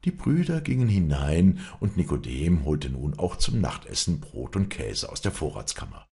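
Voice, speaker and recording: Low gravelly male audiobook narrator. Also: big pitch swings, normal speed, dark tone. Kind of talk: scripted narration.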